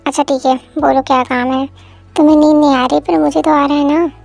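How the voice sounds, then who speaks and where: A woman's voice: high-pitched, level tone, a little fast, vocal fry, a little mellow, faint music behind. A woman voicing a tired, grumbling young husband who tries to get some sleep in a fan audio drama. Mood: sleepy grumbling.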